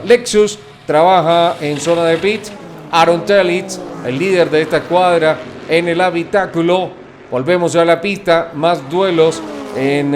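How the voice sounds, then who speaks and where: A man working as a motorsport commentator, calling race highlights with excitement and emphatic repetition. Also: a little hiss or hum. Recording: voice over music. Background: music.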